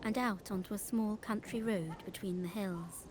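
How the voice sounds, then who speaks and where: A woman's voice: medium pitch, fairly even intonation, normal speed. A woman reading scripted audio description as a narrator. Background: music and crowd noise.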